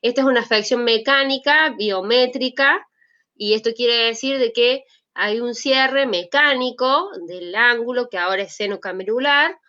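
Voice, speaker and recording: A doctor with an Argentine accent delivers a medical lecture online in a conversational style. Her voice is on the high side and sharp. She's recorded through a video call, so the audio sounds dull.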